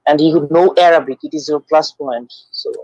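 A man calling into a live show, speaking earnestly in short, halting phrases. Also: fairly high pitch, darkish tone, dry recording. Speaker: caller. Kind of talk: phone call into a live show. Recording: dull dry phone line.

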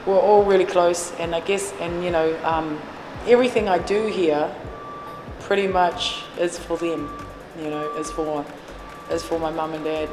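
Speaking unhurriedly with fairly even intonation in a low-side voice, a New Zealand woman in her forties who runs a café and teaches fitness gives earnest interview answers, full of fillers and restarts. Recorded indoors at the café, the room echoes with long reverb and music behind.

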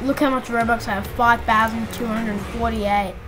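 A woman giving casual, excitable gameplay commentary as a YouTuber at home, chatting and squealing when things get thrilling. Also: on the high side, moderate pace. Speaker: gaming YouTuber. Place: home room with the door shut. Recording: clear game music underneath. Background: game music.

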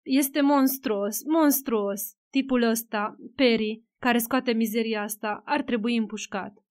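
A woman's voice: on the high side, fairly even intonation, close to an everyday voice. Female reader as indignant older male minister, pompous, audiobook. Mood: outraged. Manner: indignant, exclaiming.

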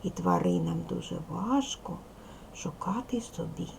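Gravelly-voiced woman teaching young children. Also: on the low side, wildly swooping pitch, measured pace, in a whisper, low-quality recording. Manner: patient, addresses children with questions and praise; reads a poem aloud expressively. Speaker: primary school teacher. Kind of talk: recorded video lesson for children.

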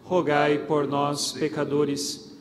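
A man with a Brazilian Portuguese accent leading a recited rosary prayer in a steady chant. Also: on the high side, slow pace. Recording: long reverb with background music.

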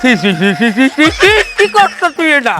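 Guy doing a bossy big brother, high lively voice, music behind. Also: normal speed. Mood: scolding. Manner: scolding, mock-formal. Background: background music.

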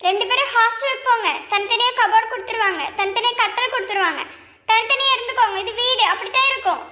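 A woman voicing a sharp-tongued mother in a cartoon, scolding and nagging her daughters. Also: very high-pitched, fast talker, roomy sound. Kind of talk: cartoon family drama.

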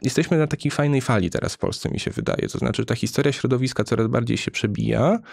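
A man's voice: mid-range voice, fast, vocal fry, a little mellow, slightly rough, no echo. A man, a guest researcher, explaining at length and frankly in a conversational studio interview.

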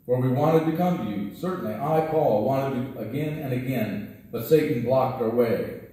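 A dark-toned, medium-pitched man's voice at a moderate pace: a middle-aged pastor preaching from a church sanctuary pulpit over a headset mic. He speaks conversationally and restarts often. The room adds a roomy echo, and the mic sounds distant.

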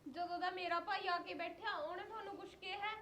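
An actress playing a calm, pleading young bride with a Punjabi accent in a family drama skit. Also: female voice, very high-pitched, brisk, a little hiss or hum. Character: young bride without dowry, soothing.

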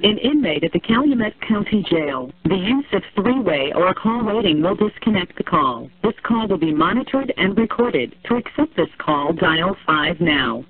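Recorded announcer over a tinny phone line. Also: male voice, high-pitched. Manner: flat, formal, measured. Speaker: automated collect-call announcer.

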